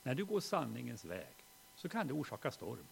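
A middle-aged man preaching a sermon and telling a personal story, moving from hushed reflection to loud, animated storytelling. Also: medium pitch, vocal fry, a little hiss or hum.

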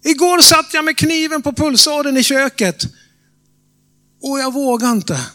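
A man voicing a despairing old woman who cries out in high, wailing tones as part of a sermon. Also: bright, forceful tone.

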